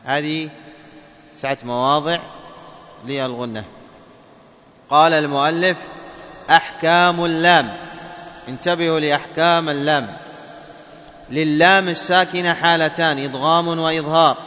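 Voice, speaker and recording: A man teaching a class on Quran recitation rules, answering his own questions and drawing out key words slowly to stress them. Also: a little high, pushed and bright. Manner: explains step by step, asks the class questions and answers them himself. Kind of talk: lecture on tajweed rules. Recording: dull sound with long echo.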